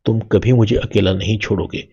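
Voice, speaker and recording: A man reading the lines of a loving, remorseful young wife in a drama recap, softly and with a husky low voice. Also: fairly even intonation, dull audio. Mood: tender.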